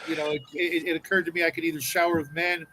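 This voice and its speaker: A man's voice: fairly high pitch, flat delivery, fast talker, pushed and bright, slight background noise, low-quality recording. A man chatting on a live stream who stammers and repeats his words as he goes. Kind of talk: casual chat on a live stream.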